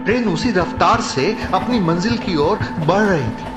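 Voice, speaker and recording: A man narrating a horror audio drama in a measured, dramatic storytelling voice. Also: high voice, animated, loud music behind the voice. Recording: roomy echo.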